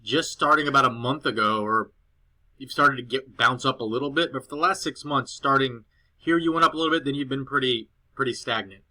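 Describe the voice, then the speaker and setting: Bright-voiced man casually explaining a report. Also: mid-range voice, fairly quick. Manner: relaxed, rambling explanation with fillers and restarts. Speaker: SEO consultant presenting a client report. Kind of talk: casual screen-recorded walkthrough. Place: girlfriend's house, indoors. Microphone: cheap laptop.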